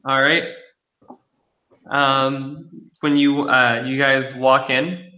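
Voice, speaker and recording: A man's voice: medium pitch, flat delivery, extremely slow, bright, forceful tone, roomy sound, muffled recording. A man running a tabletop role-playing game as game master, narrating scenes and talking with his players.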